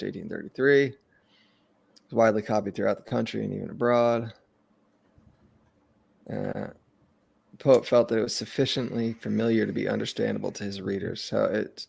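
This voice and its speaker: A man's voice: fairly low pitch, creaky, darkish tone, husky. A man co-hosting a podcast, reading notes aloud in casual chat with dry, sardonic asides. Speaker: podcast co-host.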